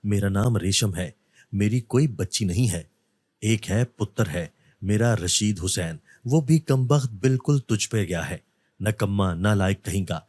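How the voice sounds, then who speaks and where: A man voicing a loud, quarrelsome middle-aged beggar woman who wails and scolds her husband. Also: on the low side, expressive, a little slow, no echo. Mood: wailing. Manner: wailing, scolding.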